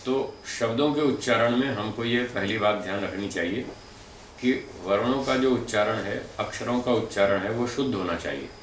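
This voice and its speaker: Male lecturer, deliberate and explanatory, a bit low; echoey room, faint background noise. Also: distant mic. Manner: measured and explanatory, demonstrating pronunciations aloud. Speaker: lecturer on speech and pronunciation. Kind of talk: spoken lecture.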